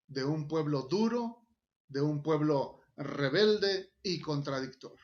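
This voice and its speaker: Male pastor, sermon, high voice, acted scripture dialogue, dull lo-fi recording. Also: fairly bright tone. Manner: retells scripture with acted dialogue, rising and falling emphasis.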